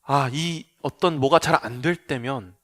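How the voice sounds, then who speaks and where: A man preaching a sermon as pastor, acting out townspeople in quick dialogue. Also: medium pitch. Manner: acts out crowd voices in lively dialogue.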